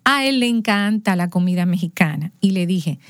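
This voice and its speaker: A woman telling a personal story as an interview guest, lively, acting out the lines of people in her story. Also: fairly low pitch, moderate pace, no room sound, clean studio sound.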